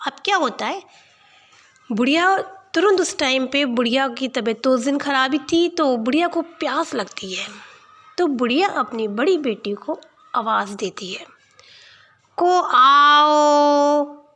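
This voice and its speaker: A woman's voice: high-pitched, animated, moderate pace. A woman telling a comic folk story in a chatty, casual way, speaking straight to her listeners. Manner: chatty, addresses listeners directly.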